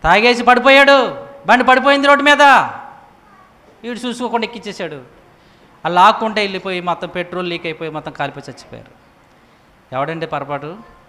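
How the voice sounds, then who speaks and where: Emphatic high-voiced man preaching in a hall. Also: a little fast, long pauses. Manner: emphatic, rhetorical questions, swings from loud to hushed. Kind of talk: sermon. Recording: echoey hall reverb.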